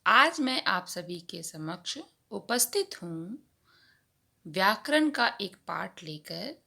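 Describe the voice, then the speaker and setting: A woman teaching a grammar lesson to young children, speaking slowly and deliberately as she explains examples. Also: mid-range voice, very animated, creaky, sharp tone. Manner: slow, deliberate teacher talk addressing children. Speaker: primary school teacher.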